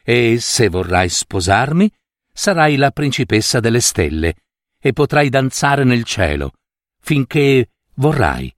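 A man voicing a gentle young prince of the stars in a storybook, speaking softly and low. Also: sing-song, takes it slowly, no room sound, clean studio sound. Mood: tender. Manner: gentle, lowered voice.

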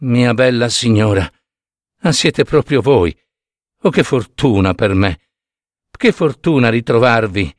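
Man reading as a lovestruck young knight, courtly, fervent, animated, unhurried, storybook tale. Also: mid-range voice, no room sound, studio quality. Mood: joyful. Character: noble young male knight, lovestruck and earnest.

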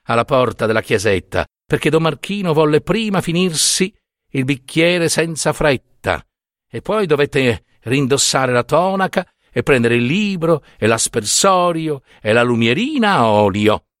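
A man narrating a classic short story in a literary audiobook reading, with expressive, theatrical storytelling. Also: a little high, measured pace, no echo, clean studio sound.

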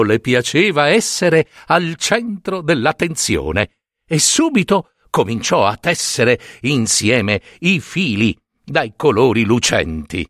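A man narrating a myth as a storyteller, lively and theatrical, giving each character a voice. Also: mid-range voice, no room sound, studio quality.

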